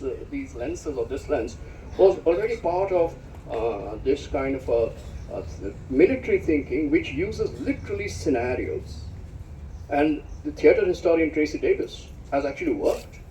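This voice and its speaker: A middle-aged man speaking at a book discussion, reflective and searching for words, with dry self-deprecating humor and sharp rises in pitch for emphasis. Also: slight background noise. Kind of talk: spoken lecture at a book discussion. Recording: roomy hall sound from a distant mic.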